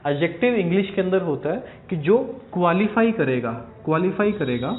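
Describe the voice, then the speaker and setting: A man's voice: high voice, lively intonation, brisk, narrow, tinny audio, a little hiss or hum. Guy teaching english grammar, repeats stuff, keeps checking the class follows, sounds like a phone in an echoey room. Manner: explains step by step, checks in with "ठीक है" and "है ना"; repeats key words for stress. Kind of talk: recorded video lesson for exam aspirants.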